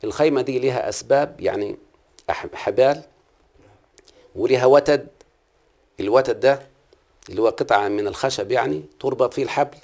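A man's voice: medium pitch, fairly quick, long pauses, a little mellow. A middle-aged man with an Egyptian Arabic accent, teaching a class and patiently quizzing the students, repeating key terms. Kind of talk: classroom lesson on Arabic prosody.

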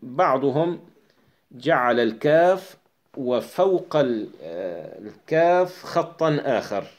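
Guy reading an old text out loud and explaining it bit by bit, slow and steady, lots of ums. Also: medium pitch. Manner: measured and explanatory, with drawn-out pauses and filler sounds. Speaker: teacher. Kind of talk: reading a classical text aloud and explaining it line by line.

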